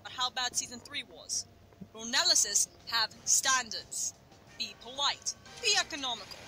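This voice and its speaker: A woman voices a smug, sarcastic reviewer who lectures with quick wit. Her voice is high, very bright and lively in its swings. Faint music runs behind her. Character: snarky female online reviewer character.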